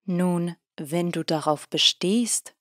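A calm priest with a low, unhurried voice, gently teasing and a little ironic, read by a woman in an audiobook. The recording is dry and close. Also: no room sound. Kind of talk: audiobook character voice.

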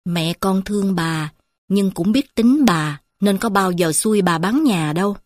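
A woman voicing a poor, grieving old village grandmother who murmurs softly and slowly to her granddaughter. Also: medium pitch, no echo, studio quality, close to an everyday voice. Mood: tender, sorrowful. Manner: soft, slow confiding murmur.

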